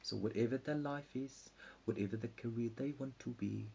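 Tired gravelly man rambling. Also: mid-range voice, normal speed, darkish tone. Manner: meandering mock-lecture, dips into whispers. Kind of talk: rambling pseudo-scientific monologue. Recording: dull lo-fi with faint hiss.

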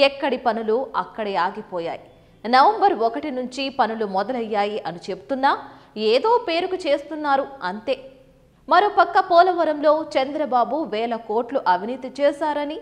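High-voiced woman reading news. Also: in a large hall. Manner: standing presenter, brisk dramatic delivery. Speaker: news anchor. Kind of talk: scripted political news reading. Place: virtual news studio set.

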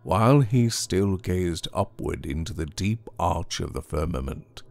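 A man tells a classic horror story in a low, gravelly voice, slow and deliberate. His delivery is theatrical and swings widely in pitch, sinking into hushed whispers, with a faint musical score beneath him. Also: lively intonation. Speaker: narrator. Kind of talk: dramatic horror story reading.

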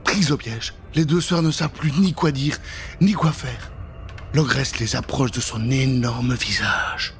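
A middle-aged male storyteller, medium-pitched and measured in pace, narrates a creepy tale for children in a suspenseful, theatrical manner. He sits close to a pop-filtered studio mic in a small indoor recording set, and the background is noisy, with music playing.

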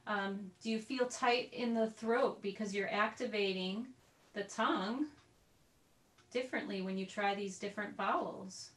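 A woman with a mid-range voice speaks a little slowly while leading a group recorder lesson online. She explains things chattily, with little asides. Her computer mic on the video call is distant, so the audio sounds roomy.

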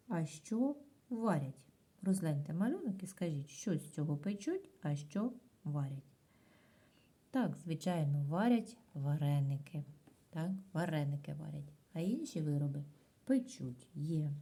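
A woman from Ukraine giving a primary school video lesson, dictating slowly and clearly and asking the pupils questions. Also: sits low, mellow.

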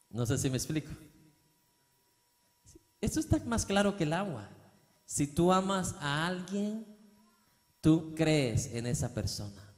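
Preaching man in a reverberant church. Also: medium pitch. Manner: preaching with rising, shouted emphasis and acted quotes. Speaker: pastor. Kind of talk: sermon.

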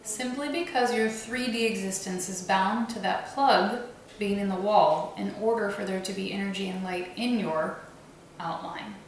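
Gravelly-voiced woman guiding a meditation. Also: medium pitch, slight background noise. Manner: slow, soothing, gently instructive. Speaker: meditation guide. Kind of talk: guided visualization meditation. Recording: very echoey room, faint ambience.

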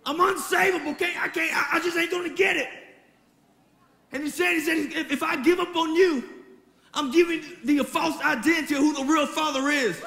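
Shouting man giving a testimony in an echoey hall. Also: very high voice, fairly even intonation, fairly quick, creaky, slight background noise. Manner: impassioned, shouting, repetitive preaching cadence. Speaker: testimony speaker. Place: large church hall.

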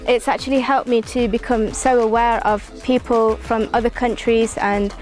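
A woman's voice: a little high, flat delivery, moderate pace. A young woman from England, a first-year medical student, speaking earnestly to camera on a seaside cliff with many ums. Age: young adult. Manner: earnest, flowing with frequent ums. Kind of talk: promotional testimonial to camera. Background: soft background music.

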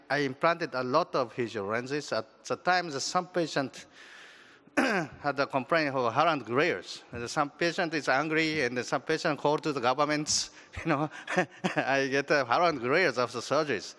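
A man at a conference podium answering panel questions, halting and repeating words. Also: medium pitch, pushed and bright. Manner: halting, repeats words, non-native phrasing. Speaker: surgeon presenting at a symposium. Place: large conference hall stage at a podium. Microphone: podium microphone.

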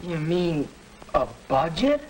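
A man's voice: fairly high pitch, big pitch swings, takes it slowly. A young man playing a grumbling, sarcastic American teenage son in a 1940s educational film. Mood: skeptical. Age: young adult. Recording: noisy vintage film soundtrack.

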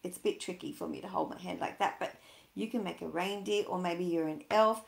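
In a lowish voice with vocal fry, a woman in her sixties talks fairly quickly as she reads to young children and chats with them in a sing-song, questioning manner. The storyteller is in a small home room, and her webcam picks up a roomy echo.

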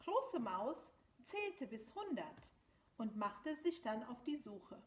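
A woman's voice: a little high, reverberant. A woman reading a children's story aloud, switching between two languages in a sing-song way. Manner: slow, animated, sing-song.

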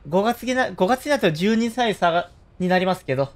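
A man, chatting playfully while he streams a game. His pitch sits a little high and swings widely as he jokes and reacts. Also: fairly quick. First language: Korean. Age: 30s. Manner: joking and animated, with loud yelps and laughs. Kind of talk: casual gaming stream chat.

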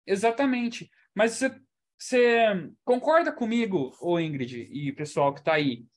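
A man's voice: high voice, lively intonation, measured pace. A man teaching English in an online class, explaining in a chatty way and checking in often with the students. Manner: chatty, explanatory, ends points with "tá?".

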